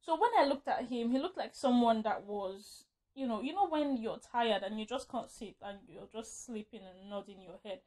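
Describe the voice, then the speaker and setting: A woman tells a story to her vlog camera in a loose, rambling way. She stops to correct herself and breaks into nervous laughs. Her voice sits a little high. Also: moderate pace, darkish tone. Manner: rambling, self-correcting, laughs often while telling. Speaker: vlogger.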